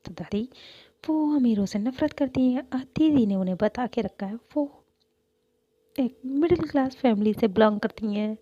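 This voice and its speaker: A woman voicing a playful young man who pleads and teases in a whiny, excitable way, in a slightly dull lo-fi recording. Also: on the high side, moderate pace, no room sound. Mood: explaining.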